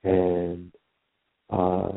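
Man in his fifties, slow and reflective, lowish voice, phone-line sound. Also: completely flat delivery, vocal fry, no echo. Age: 50s. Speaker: guest. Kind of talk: casual radio talk. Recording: dry phone-line call audio.

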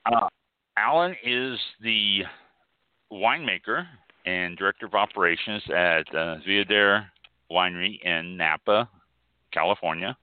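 A man's voice: on the low side, unhurried, smooth. A man hosting a live radio wine show, chatting casually and laughing now and then. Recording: phone-line sound.

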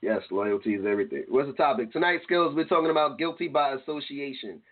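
A man co-hosting a casual talk show, animated and profane, often laughing and breaking into shouts. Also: mid-range voice, fast. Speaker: podcast co-host. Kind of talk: casual chat show banter. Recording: tinny phone-like line.

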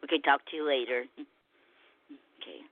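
A woman's voice: a bass voice, moderate pace, no echo. A woman calling in to a live show over the phone, listing where to find her work with many hesitant fillers and restarts. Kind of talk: casual chat. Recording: tinny dry phone line.

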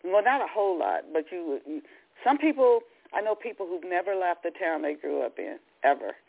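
Halting woman radio host, tinny sound. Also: on the low side, sing-song, vocal fry, husky. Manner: halting, repeats words. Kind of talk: radio interview.

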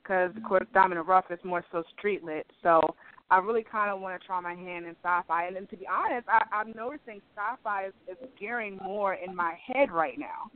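A woman's voice: mid-range voice, normal speed, no room sound. A woman writer on a phone line, giving agreeable short replies and hesitating with fillers when she talks longer. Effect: heard over a phone line. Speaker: writer on a call. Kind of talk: casual call. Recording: tinny call line with faint noise.

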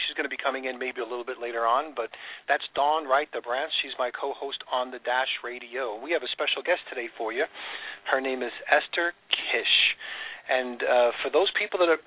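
Husky-voiced man hosting over a phone line. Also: on the high side. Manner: rambling, chatty with fillers. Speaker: radio show host. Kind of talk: casual interview chat.

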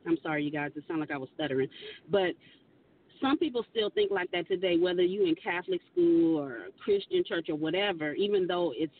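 A woman's voice: on the low side, big pitch swings, brisk, far from the mic, phone-quality sound, a little hiss or hum. A woman co-hosting a radio talk show, speaking earnestly and at length, often restarting her sentences.

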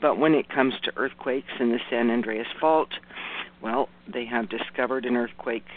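A raspy, hoarse man hosts an informal radio news show. He reads items hesitantly, corrects himself and drops in folksy comments. The sound is narrow and phone-like, and his pitch sits in an ordinary male range. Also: normal speed. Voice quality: raspy, rough voice. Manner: self-correcting, hesitant delivery with folksy asides. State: hoarse from hay fever. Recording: muffled, narrowband radio broadcast.

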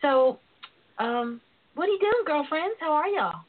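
Southern US woman, highish swooping voice, playful sassy host, bawdy casual chat, muffled phone-in radio sound. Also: sing-song, unhurried. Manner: playful, sassy, calls listeners pet names. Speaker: host of a radio talk show.

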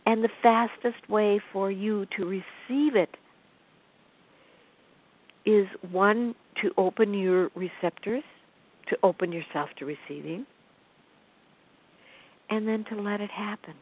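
A woman channeling spiritual guidance on her radio show, talking in a slow, soothing, repetitive way and often asking the listener if they see. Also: medium pitch. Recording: phone-like web radio line.

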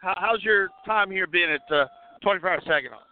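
A man hosting a casual live call-in show while roving outdoors at an event, talking with many fillers and restarts, coughing and clearing his throat now and then. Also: high-pitched, a little fast. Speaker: host. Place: outdoors at a railway depot event. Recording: tinny phone line, dry.

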